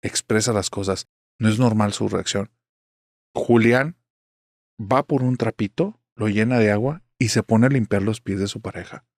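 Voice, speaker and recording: A man's voice: fairly low pitch, normal speed, dry recording, studio quality. A man narrating a horror story in a chatty way, speaking straight to the listener. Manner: chatty, addresses the listener directly.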